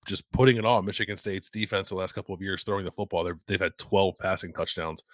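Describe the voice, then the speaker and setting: Man, fairly low pitch, relaxed hedging talk, sports podcast, dry close sound. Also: fast talker, no room sound. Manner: easygoing, hedging with 'like' and 'um'. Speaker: podcast co-host. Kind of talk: casual sports podcast analysis.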